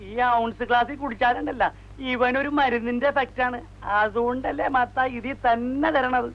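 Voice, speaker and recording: Fussy worried servant, very high voice, dull old film audio. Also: male voice, steady tone, moderate pace. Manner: pleading, scolding with concern. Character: fussing, worried male servant. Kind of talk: film dialogue.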